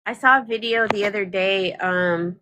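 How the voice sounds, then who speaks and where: A woman's voice: medium pitch, moderate pace, background noise. Woman, casual livestream host, emphatic, mid-range voice. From North Carolina, US. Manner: emphatic, repeats words for stress.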